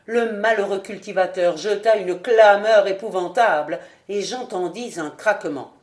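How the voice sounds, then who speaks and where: A woman narrating a literary audiobook in a measured, clear reading voice. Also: medium pitch, darkish tone. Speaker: audiobook reader.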